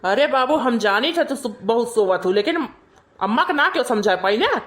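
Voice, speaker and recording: A woman's voice: a little high, animated, moderate pace, a bit bright. A woman voicing a meek young village husband in a cartoon, sweet-talking his wife. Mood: explaining. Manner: pleading, sweet-talking, wheedling. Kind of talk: cartoon voice acting.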